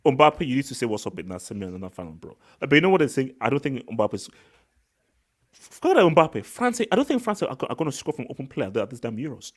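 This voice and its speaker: A man hosting a casual live football reaction chat, slangy and animated, repeating words for emphasis. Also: medium pitch, quick pace. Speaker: live stream host.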